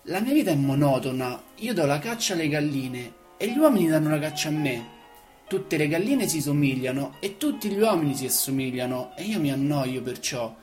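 A woman's voice: sits low, sing-song, brisk, soft background music, voice pushed up. A woman voicing a wise, wistful fox who longs to be tamed, speaking earnestly and explaining. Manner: earnest, explaining, a little louder.

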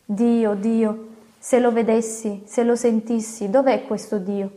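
A woman's voice: fairly high pitch, fairly even intonation, takes it slowly, dark tone. A woman reading a despairing, tormented nobleman. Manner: anguished, despairing. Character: tormented, feared nobleman, a hardened man.

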